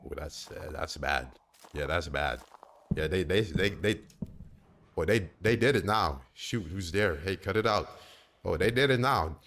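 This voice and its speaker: A young man giving let's-play commentary on a horror game, animated and talking back at the screen. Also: low-pitched, unhurried. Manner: animated, talks back to the game, exclaims and repeats himself. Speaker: gamer playing a horror game.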